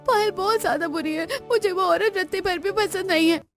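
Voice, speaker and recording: A woman's voice: high-pitched, moderate pace, close to an everyday voice. A woman voicing a young, outspoken girl in a cartoon, pleading and indignant. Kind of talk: Hindi cartoon voice acting.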